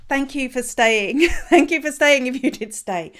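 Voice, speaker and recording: A middle-aged woman hosting a live news show for small businesses, chatty and quick to laugh as she talks straight to her viewers. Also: sits high, expressive, fairly bright tone. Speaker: host.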